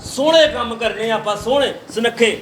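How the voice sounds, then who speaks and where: A man's voice: very high voice, normal speed, noisy background. A man playing a caterer in a comic sketch, brash and teasing as he takes an order.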